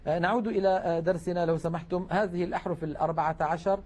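A man's voice: high-pitched, fairly even intonation, racing, darkish tone. A man teaching Quran recitation rules in a broadcast lesson, explaining patiently with frequent hesitations.

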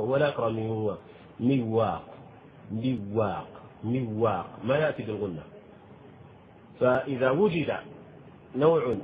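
A man teaching the rules of Quran recitation, explaining slowly and deliberately and chanting short verses as examples. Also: medium pitch. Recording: tinny phone-like audio with faint noise.

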